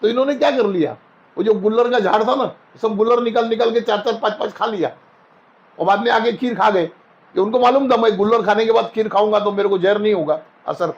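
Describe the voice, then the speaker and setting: A man's voice: sits high, quick pace, lo-fi sound. A man as a spiritual guest, telling homely anecdotes in a casual interview and acting out the voices in them. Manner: anecdotal, folksy, acts out quoted voices.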